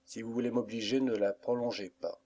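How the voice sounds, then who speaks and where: A man's voice: medium pitch, fairly even intonation, fairly quick, dark tone, muffled recording, close to an everyday voice. A man reading the part of a frightened but firm young woman in an audiobook, polite and restrained.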